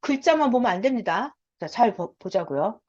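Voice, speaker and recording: A woman with a fairly high voice teaches scripture, stressing and repeating her points and asking her listeners questions. The recording sounds dull and lo-fi. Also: animated, moderate pace, a little mellow. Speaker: Bible teacher. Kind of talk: Bible study teaching.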